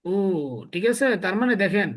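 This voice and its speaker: A man's voice: high voice, fairly bright tone. Man drilling Arabic letter sounds. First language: Bengali. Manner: repetitive, drills syllables slowly and asks students to repeat. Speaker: Arabic alphabet teacher. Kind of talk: classroom lesson with call-and-response drilling.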